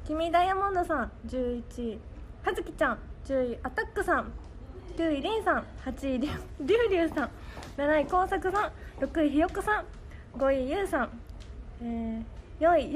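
A young woman with a Kansai accent hosts a casual idol livestream, her high, animated voice moving at a moderate pace. She often dissolves into fits of laughter, and the livestream audio is noisy.

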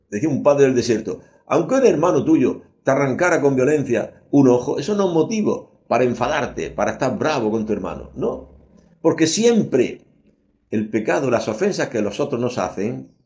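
A man's voice: medium pitch, darkish tone. Emphatic male preacher giving a sermon. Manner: emphatic, repeats phrases, asks rhetorical questions; voices imagined listeners' replies. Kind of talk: radio sermon.

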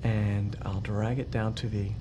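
A young man demonstrating software in an office, explaining step by step with hesitant fillers. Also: on the low side, flat delivery, unhurried, background noise. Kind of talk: product demonstration. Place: indoor office.

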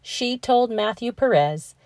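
A woman reading a children's picture book aloud in a measured, expressive storytelling manner. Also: on the high side, no echo, studio quality. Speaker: read-aloud narrator.

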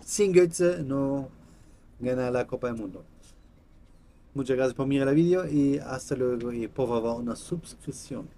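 A man in his thirties, a native German speaker with a German accent, chatting casually in halting, simple non-native Spanish as a vlog host. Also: mid-range voice, dark tone. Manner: halting, simple broken phrasing. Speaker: host of a card-opening channel. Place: small room indoors.

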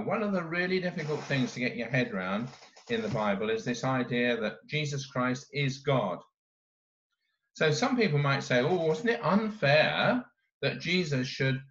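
Slow, deliberate male lay preacher. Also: mid-range voice, a bit bright, lo-fi sound. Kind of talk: sermon.

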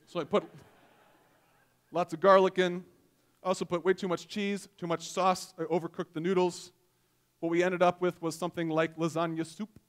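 A man's voice: high-pitched, clean tone. A man in his forties, a pastor, preaching a sermon on a church stage into a headset mic, in a conversational, self-deprecating storytelling way.

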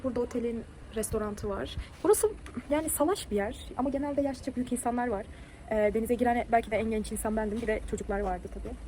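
A woman vlogging about a trip, telling a mishap story in a lively way and acting out what people said. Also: on the high side, fast talker, slight background noise. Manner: animated, tells a mishap story with quoted dialogue. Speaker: travel vlogger. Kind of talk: casual travel vlog storytelling.

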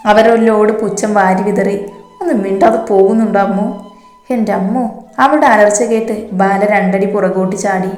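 A woman's voice: medium pitch, a little mellow. Woman narrating a story in an echoey room. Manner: reads all characters in her own voice, with light shifts. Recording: echoey room with faint music. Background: faint background music.

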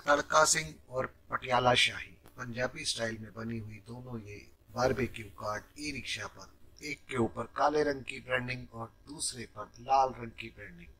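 Gravelly man pitching food carts. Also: moderate pace, bright, forceful tone, poor audio. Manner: persuasive, addresses viewers as friends. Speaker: host and food cart maker. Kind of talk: promotional voice-over narration.

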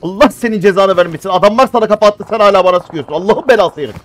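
A man in his thirties streams a mobile shooter and talks the whole way through it. His voice sits high, and he keeps grumbling at and cursing the teammates who shoot him. A faint noise runs under the recording. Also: racing. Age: 30s. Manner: animated, cursing and complaining at teammates. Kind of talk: excited gameplay commentary.

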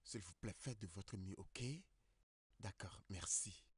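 An actor dubbing a hospital doctor, speaking formally and briskly. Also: male voice, low-pitched, a crowd in the background. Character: calm hospital doctor, middle-aged man. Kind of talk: French dub of a film.

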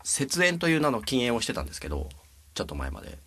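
A man chatting casually in a talk session, relaxed and self-deprecating, laughing as he talks. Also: mid-range voice, quick pace. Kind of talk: casual chat.

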